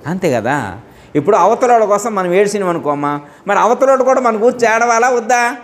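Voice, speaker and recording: A man's voice: high-pitched, sing-song, fairly quick, slight background noise. A man giving a spiritual discourse, asking his listeners question after question and acting out the dialogue of the story. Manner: asks listeners rhetorical questions, acts out dialogue. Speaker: spiritual teacher. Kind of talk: Telugu religious discourse.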